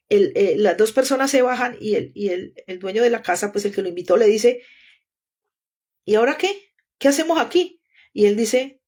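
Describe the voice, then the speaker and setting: Woman, preacher, sermon, storytelling, acts out dialogue, fairly high voice. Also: a little mellow. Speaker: apostle preaching.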